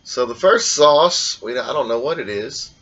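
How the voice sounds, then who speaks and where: A man hosting a casual blindfolded taste test, talking in a relaxed, rambling way. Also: medium pitch, moderate pace, breathy edge, dull audio. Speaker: food vlogger.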